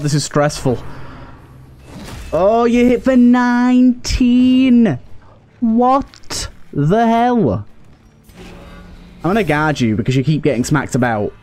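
Over game music, a male gaming host speaks in a voice that sits high and sounds a little mellow. His let's play commentary is casual, mixing thinking aloud with chatter aimed at his game characters.

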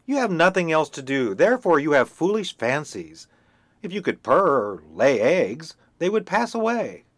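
A man's voice: very animated, normal speed, dry recording. A man voicing a bossy, haughty hen who lectures and scolds. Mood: scolding. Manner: scolding, shrill.

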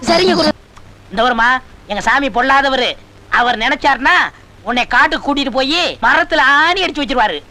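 A man's voice: very high voice, a little fast, sharp tone, heavily acted. An actor playing a cheeky, bumbling assistant who talks back to his master in a Tamil film comedy. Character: cheeky bumbling male assistant, drum player.

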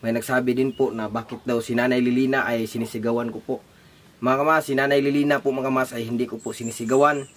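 A man vlogging casually, speaking loudly to a distant camera on a stand with no microphone, repeatedly addressing his viewers. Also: mid-range voice, little pitch movement, quick pace. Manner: repetitive, keeps addressing viewers. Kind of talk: casual vlog talk to viewers. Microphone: camera on a stand far away, no microphone.

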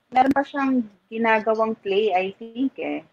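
A woman's voice: fairly high pitch, measured pace, gravelly, highs cut off. A woman hosting a casual chat, talking easily and mixing Tagalog with English. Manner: chatty, mixes Tagalog and English.

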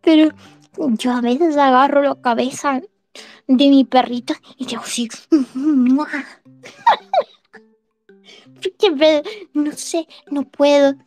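A woman's voice: sits high, extremely slow, pauses often, darkish tone, no room sound, soft background music. A woman streamer chatting casually with her listeners, rambling and giggling often between phrases. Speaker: streamer hosting a live audio chat.

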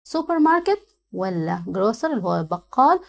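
A woman with an Egyptian Arabic accent, an English teacher going through exam answers. She reads the English options out slowly, then explains them in Arabic. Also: medium pitch, big pitch swings, vocal fry.

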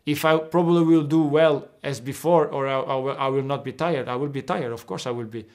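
A man's voice: medium pitch, steady tone, fairly quick, a little mellow. A young man whose first language is Portuguese, a footballer answering interview questions earnestly over a video call, often restarting and repeating words. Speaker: footballer guest. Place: indoor locker room.

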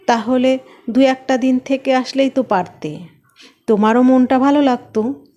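A woman giving voice to a fussy older mother-in-law in a spoken storybook. She scolds and frets, but her voice stays warm and caring. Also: high-pitched, unhurried, dull audio. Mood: fussing. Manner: scolding, fussing.

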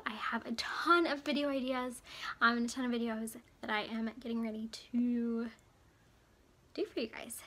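A young woman chatting through a casual haul vlog, rambling with fillers and sounding slightly out of breath. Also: a little high. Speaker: mom vlogger.

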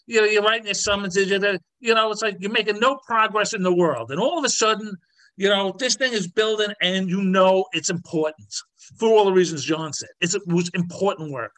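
A man's voice: high-pitched, fairly quick, a bit bright, dry recording. A man chatting easily as a podcast guest, a former police officer who sprinkles his talk with "you know". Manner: easygoing, frequent "you know". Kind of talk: casual chat.

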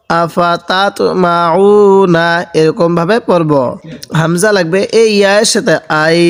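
High-voiced man spelling out recitation. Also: clear, resonant tone. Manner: spells each letter and vowel aloud, then chants the word slowly. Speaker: Quran reading teacher. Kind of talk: slow spelled-out recitation lesson. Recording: long reverb, roomy sound.

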